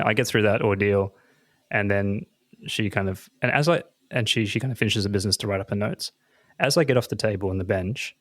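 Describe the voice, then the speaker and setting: Low-voiced man telling a story. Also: no echo, clean studio sound. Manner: animated, self-mocking, laughs through his story. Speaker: podcast co-host. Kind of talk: casual chat, comic storytelling.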